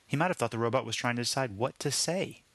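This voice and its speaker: A man reads his own short story aloud with a wry, deadpan delivery. His voice sits at a middle pitch, and the recording is dry and close. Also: quick pace, slightly rough, no echo. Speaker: narrator.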